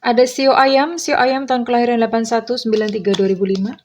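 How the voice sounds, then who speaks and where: A woman giving a casual tarot reading to her viewers in a gentle, reassuring way, calling them dear and slipping in English phrases. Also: a little high, little pitch movement, fast, a little hiss or hum. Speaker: tarot reader.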